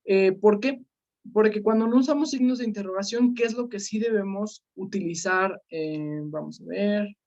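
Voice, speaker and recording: A woman teaching an online class, calling on students by name and filling pauses with "este" and "eh". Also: medium pitch, a little mellow. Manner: questioning students by name, many fillers. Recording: slightly dull lo-fi sound.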